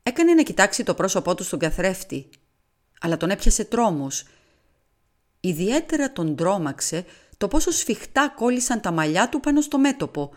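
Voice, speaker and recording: Expressive woman reading a novel aloud. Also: medium pitch. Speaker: audiobook reader. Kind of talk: scripted literary narration.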